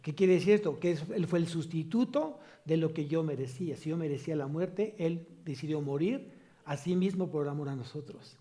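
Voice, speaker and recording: Man, Mexican Spanish accent, pastor's sermon, high mellow voice, rhetorical questions. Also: moderate pace. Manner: preaching with rhetorical questions, rising to emphatic peaks.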